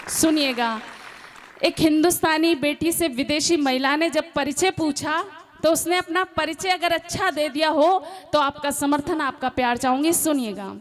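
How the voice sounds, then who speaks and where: High-voiced woman singing ghazals on stage. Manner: sings verses slowly, talks fast between them and asks the crowd to listen. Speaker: poet performing at a comic poetry gathering. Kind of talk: sung ghazal and song recital with spoken links. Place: stage at a live poetry event.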